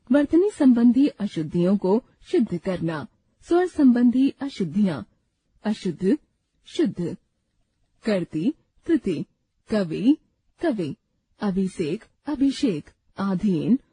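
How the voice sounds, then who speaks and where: Slow, dark-voiced woman reading a grammar lesson. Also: mid-range voice, breathy edge, no room sound. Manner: reads wrong and right forms in turn, slow and deliberate. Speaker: grammar teacher. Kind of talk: scripted textbook lesson reading.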